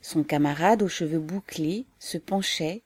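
A woman reads a novel aloud in a calm, measured narration. Her voice is somewhat low and mellow, never sharp, and the sound is dry and close with no room around it. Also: no echo. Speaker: audiobook narrator.

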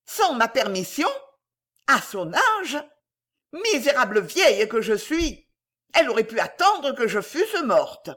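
A woman voicing a deaf, frightened old lady with a trembling, high-pitched voice. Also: sing-song, a little slow, hardly any pauses. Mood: alarmed, shrill.

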